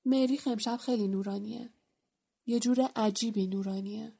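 A woman voicing a sad, solemn male centaur who speaks quietly, slowly and cryptically, sighing, in an audiobook. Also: on the high side, close to an everyday voice. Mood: sorrowful. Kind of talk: audiobook character voice.

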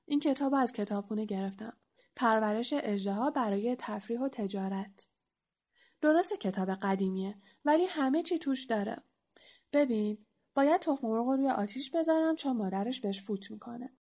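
A woman's voice: a little high, animated, darkish tone. Storybook: woman reading as a big cagey gamekeeper who rambles and boasts, only lightly voiced. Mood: boastful. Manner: chatty, rambling.

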